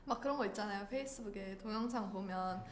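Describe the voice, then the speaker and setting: A woman co-hosting a casual radio chat, teasing the others and cutting in quickly, often with a giggle. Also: mid-range voice, reverberant, a little hiss or hum. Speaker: radio co-host.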